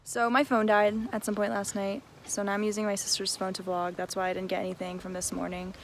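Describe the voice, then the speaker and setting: Young woman rambling into her phone outside, casual and relaxed, music in the back. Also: medium pitch, quick pace. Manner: chatty, relaxed, with fillers and likes. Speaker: vlogger. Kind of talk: casual travel vlog. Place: outdoors at a lakeside forest campsite. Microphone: phone held at arm's length.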